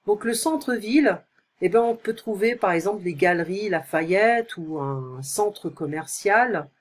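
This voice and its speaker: A woman teaching in a recorded tutoring lesson, explaining slowly and checking in often with short questions. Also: mid-range voice, expressive. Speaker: French teacher.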